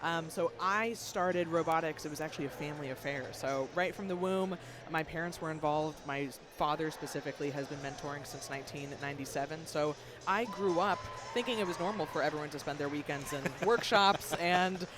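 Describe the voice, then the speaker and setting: A woman's voice: low voice, a little fast, music in the background. A woman in her twenties, speaking as a guest analyst in an unscripted broadcast interview. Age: 20s. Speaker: guest analyst, robotics mentor.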